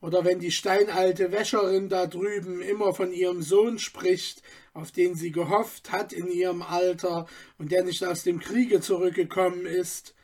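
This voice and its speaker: Male reader doing a soft-spoken storybook boy, earnest, slow. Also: high-pitched, little pitch movement. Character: poor boy, gentle and kind-hearted. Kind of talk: storybook reading.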